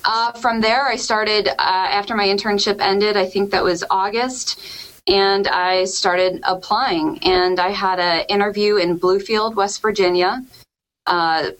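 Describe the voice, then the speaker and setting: A woman's voice: medium pitch, steady tone, a little slow, a bit bright, poor audio. Woman, 30s, from Connecticut, meteorologist guest, casual interview chat, acts out her own thoughts. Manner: chatty, laughs often, acts out her own past thoughts.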